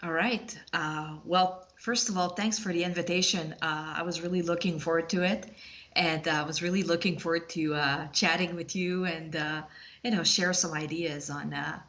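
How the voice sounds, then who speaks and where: Quebec french accent lady, lowish voice, podcast guest chatting, kinda hesitant, bit muffled audio. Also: steady tone, moderate pace, a bit bright. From Quebec, Canada. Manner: hesitant, searching for words. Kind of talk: casual interview chat.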